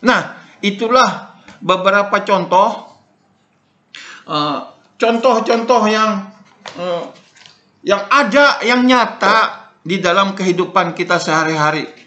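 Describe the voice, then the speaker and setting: An older man giving an informal spoken lecture, repeating his points and filling pauses with "nah" and "eh". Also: high voice, pushed and bright. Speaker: lecturer on Dayak Ngaju language. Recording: echoey room.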